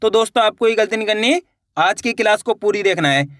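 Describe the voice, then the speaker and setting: A man teaching Hindi reading online, sounding out syllables slowly and then explaining in a brisk, coaxing way, addressing viewers as friends. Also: high voice, fairly bright tone, studio quality. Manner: addresses viewers as friends, repeats words for them to echo.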